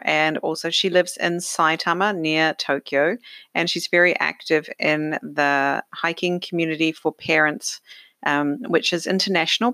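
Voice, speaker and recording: Chatty woman podcast host, low voice. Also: no room sound. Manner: chatty, warm-voiced with many fillers. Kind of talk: casual podcast interview. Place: home.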